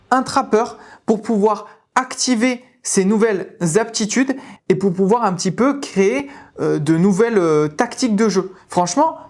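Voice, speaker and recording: A woman's voice: mid-range voice, darkish tone. Enthusiastic French woman explaining game rules. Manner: chatty, enthusiastic, many fillers, reads rules in halting English. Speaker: tabletop game video host. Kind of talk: casual rules explanation to viewers.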